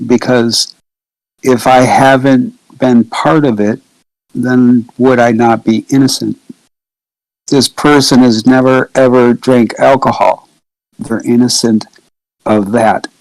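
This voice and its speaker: Slow, gravelly man reasoning it out. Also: mid-range voice, fairly even intonation, dry recording, poor audio. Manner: measured, methodical reasoning. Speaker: roundtable guest. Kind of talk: casual discussion. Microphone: video call.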